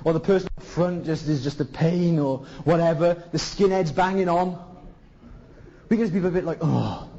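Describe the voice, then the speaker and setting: A man's voice: a little high, steady tone, normal speed, mellow, highs cut off, slight background noise. A man with a Welsh Valleys accent preaching a colloquial sermon, putting rhetorical questions to his listeners. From South Wales valleys.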